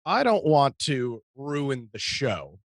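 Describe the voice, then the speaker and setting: A man's voice: mid-range voice, sing-song, slow, no echo, clean studio sound. An American man co-hosting a talk show, speaking casually and telling stories with emphatic exasperation. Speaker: co-host of a computer talk show.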